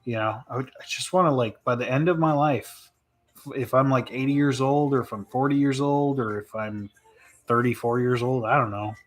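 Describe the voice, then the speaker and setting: A man answers incoming questions during a relaxed live stream, rambling thoughtfully, looping back to earlier ideas and laughing softly. His pitch is a typical male middle range, his intonation fairly even, and he talks at a normal speed.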